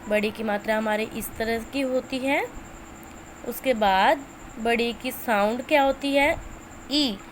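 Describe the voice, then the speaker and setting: A woman teaching young children's letter sounds, stretching and repeating each sound slowly. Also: a little high, slight background noise. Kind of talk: Hindi lesson for teachers and parents.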